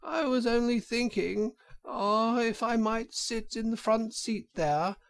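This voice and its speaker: A man's voice: very high-pitched, takes it slowly, creaky, voice pushed up, heavily acted. A man voicing a boastful, self-pitying male toad in a storybook reading, with wailing, theatrical complaints. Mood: feeble wheedling.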